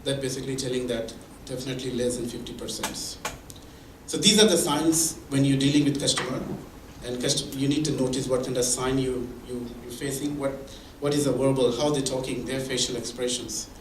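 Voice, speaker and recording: This mentoring-event speaker has a mid-range voice with fairly even intonation and talks a little fast. His conversational presentation relies on examples and frequent restarts. The echoey hall or meeting room is captured from far off, with slight background noise.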